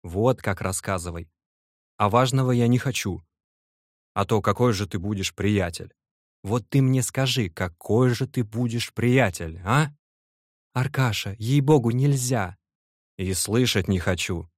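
A man voicing an excitable, emotional young man with a loud, exclamatory way of talking, in an audiobook reading. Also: fairly low pitch, measured pace, dry recording, studio quality. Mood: coaxing.

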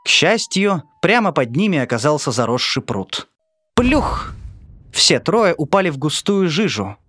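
A children's storyteller who reads with a wide, animated swing of pitch and a sing-song lilt. The narration sits in a middle register and sounds dry and close to the mic, with no room around it. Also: unhurried, no room sound.

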